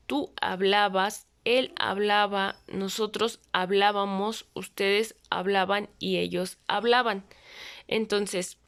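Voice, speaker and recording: Lady teacher walking through verb tenses, unhurried, smooth clear voice. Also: medium pitch. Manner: patient, explanatory, pauses with fillers. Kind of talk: online grammar lesson.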